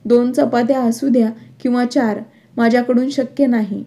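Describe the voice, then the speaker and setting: A defiant, quick-tempered young wife from a narrated storybook, as a woman reads her lines. The voice sits fairly high yet stays level and even, with a soft, mellow tone. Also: lightly acted.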